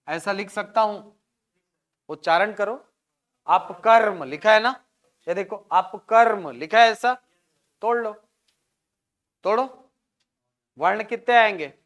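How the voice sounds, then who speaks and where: A man's voice: sits high, a bit bright. A male teacher giving a classroom lecture, sounding out syllables one by one at the board and often checking whether his students follow, with a Chhattisgarhi Hindi accent.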